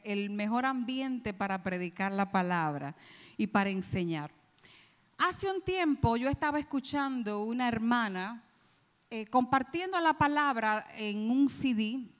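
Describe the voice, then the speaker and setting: A woman preaching a sermon, telling a story with quoted voices and slowing down and dropping low on key phrases. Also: in a large hall.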